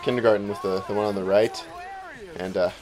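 A man's voice: on the low side, steady tone, brisk. Young man, let's play host, casual rambling commentary, swears a lot, argumentative, faint music behind.

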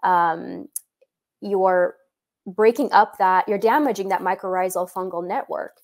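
A woman's voice: medium pitch, unhurried. A woman guest on a casual podcast, speaking from home over a video call and explaining things with some hesitant fillers. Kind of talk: casual chat.

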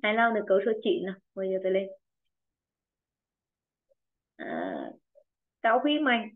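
A woman teaching an online English pronunciation lesson with a Vietnamese accent, encouraging students and repeating words slowly for them. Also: mid-range voice, wildly swooping pitch. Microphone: video call. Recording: tinny phone-like video call audio.

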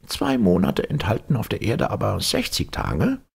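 Man putting on a shrill pedantic old professor. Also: wildly swooping pitch, normal speed, gravelly, husky, full character voice. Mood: dry, pedantic. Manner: dry lecturing tone. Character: strict pedantic male professor, dry and snappish.

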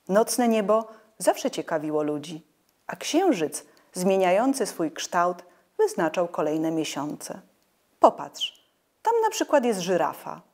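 A woman reading as a soft, patient mother. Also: on the low side. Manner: soft, calm, explaining. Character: gentle, patient mother explaining stars.

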